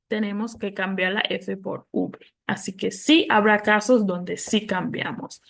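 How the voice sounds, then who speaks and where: A woman teaches English plurals to Spanish speakers, explaining the noun rules slowly and patiently. Her medium-pitched voice is gravelly, and she spells out letters and models the English words slowly.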